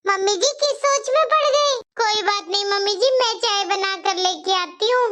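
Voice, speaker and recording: A patient elder daughter-in-law in a cartoon story, voiced by a woman, soft-spoken and eager to please. The voice is very high and bright. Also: normal speed. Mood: gentle.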